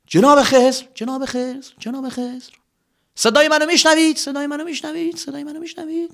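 A man's voice: medium pitch, lightly acted. A man voicing a commanding male king in a storybook tale, speaking in raised, earnest tones. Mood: calling. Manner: raised, earnest calls and speeches.

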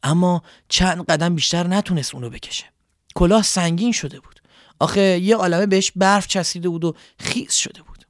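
A man narrating a children's story in a gentle, expressive way. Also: high voice, dry recording, studio quality.

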